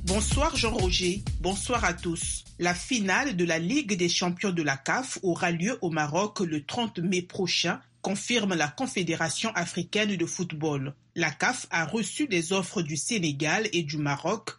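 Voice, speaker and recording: Woman sports newsreader, low husky voice, steady measured radio bulletin read. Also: soft background music. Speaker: sports news presenter.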